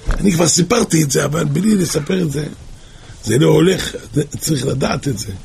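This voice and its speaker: A man giving a religious sermon, telling a tale with dramatic swings between shouting and hushed speech. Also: a little high, gravelly, slight background noise. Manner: dramatic storyteller, shouts and drops to near whisper.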